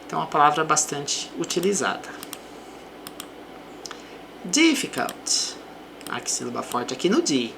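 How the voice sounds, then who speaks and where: Brazilian woman language teacher, unhurried and patient delivery, lively pitch. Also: vocal fry, background noise. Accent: Brazilian Portuguese. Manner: reads English example sentences slowly, then explains in Portuguese. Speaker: English teacher. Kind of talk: slow explanatory language lesson.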